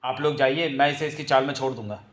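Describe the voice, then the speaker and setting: A man's voice: medium pitch, fast, lightly acted. A man voicing a heartless shopkeeper who speaks in a dismissive, scornful way. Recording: roomy echo.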